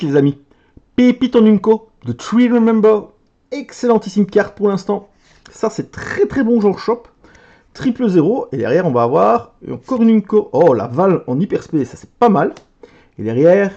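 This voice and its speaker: A man chatting casually as he opens card packs for his video, letting out excited exclamations over each card. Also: on the high side, highs cut off. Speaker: card game video creator. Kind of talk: casual card pack opening commentary.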